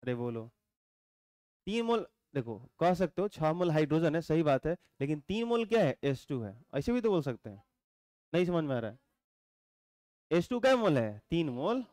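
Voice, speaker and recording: A male teacher, giving a chemistry lecture, explaining slowly and repeating points while quizzing his students. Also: a little high, big pitch swings, a little mellow, no room sound. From India.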